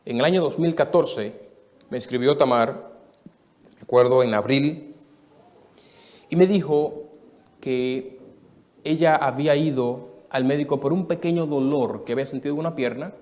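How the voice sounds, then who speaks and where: A Dominican man in his thirties preaches a sermon testimony before a live church audience, telling his story earnestly and shifting between soft and emphatic moments. His voice sits at medium pitch, moving at normal speed with long pauses.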